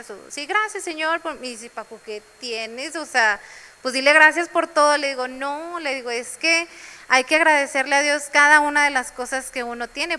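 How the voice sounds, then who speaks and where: A woman's voice: sits high, pushed and bright, smooth, long reverb tail. A woman preaching a sermon in a church, sharing personal testimony.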